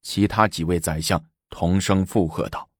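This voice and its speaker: Low-voiced man telling a story. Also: fairly even intonation, moderate pace, no room sound, clean studio sound. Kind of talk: storytelling narration.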